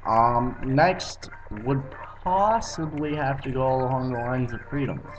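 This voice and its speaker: A man's voice: medium pitch, measured pace, soft background music. A young man from Arizona vlogging, bluntly lecturing viewers with plenty of swearing. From Arizona, USA. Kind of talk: opinionated political rant. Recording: dull lo-fi webcam audio.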